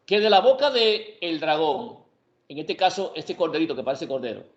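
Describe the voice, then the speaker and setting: A man's voice: fairly high pitch, lively intonation, moderate pace. A man teaching Bible prophecy in an emphatic way, often asking a question and then answering it himself. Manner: emphatic, asks and answers his own questions. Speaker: preacher. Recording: echoey room, dull lo-fi sound.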